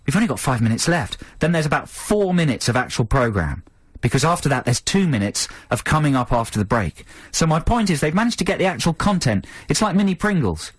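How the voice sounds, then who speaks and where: A man's voice: fairly high pitch, very animated, brisk, hardly any pauses, husky, no room sound. A man in his thirties hosting a radio show, chatting and telling rambling, wry stories in a studio. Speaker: radio host. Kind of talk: casual chat on a radio show. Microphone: studio microphone.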